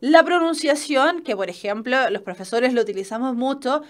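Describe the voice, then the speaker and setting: Chilean woman, young adult teacher, slightly high voice, patient explainer who keeps asking "¿cierto?". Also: expressive, moderate pace. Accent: Chilean Spanish. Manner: explanatory, frequent "¿cierto?" checks. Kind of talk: online class lecture.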